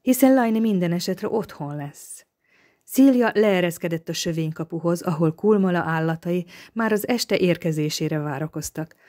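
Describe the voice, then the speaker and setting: A woman narrating an audiobook in a calm, even storytelling manner. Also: fairly low pitch. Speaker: audiobook reader.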